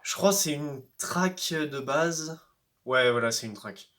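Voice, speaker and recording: A young man on YouTube takes his time commentating a racing game, teasing the other drivers and letting out high yelps when things go wrong. He's playful and excitable, and game music plays faintly underneath.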